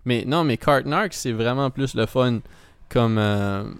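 A man with a Québécois French accent chats casually and rambles through his story, leaning on fillers and slipping in English words. His voice is smooth and resonant. The sound is dry and close, with no room around it. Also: mid-range voice, slow pace, dry recording. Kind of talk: casual chat.

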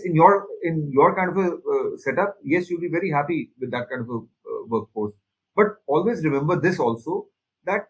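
An Indian-accented man with a somewhat high, husky voice argues his view in a panel discussion. He is emphatic, repeating phrases to hammer each point. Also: rough recording. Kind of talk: opinionated discussion.

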